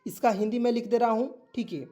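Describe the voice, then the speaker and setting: A man's voice: very high voice, fast, dark tone. A man with a Hindi accent teaching spoken English, spelling words letter by letter and checking in with his students. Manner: repetitive, keeps asking "ठीक है" and quizzing. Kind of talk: online spoken-English lesson.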